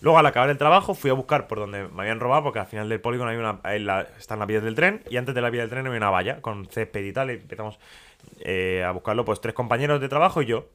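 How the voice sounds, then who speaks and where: Fast-talking Spanish man telling a story. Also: mid-range voice, fairly bright tone. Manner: rapid storytelling with quoted dialogue. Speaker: podcast co-host. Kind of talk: casual chat, telling an anecdote.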